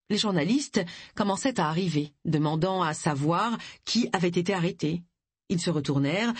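An audiobook narrator reading a story in an expressive way. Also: medium pitch, breathy edge, no room sound. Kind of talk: scripted narration.

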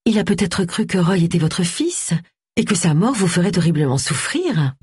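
A woman voicing a kind, gentle vicar's wife who speaks softly and sympathetically. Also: lowish voice, very animated, normal speed, slightly rough, no echo, clean studio sound, full character voice. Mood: consoling.

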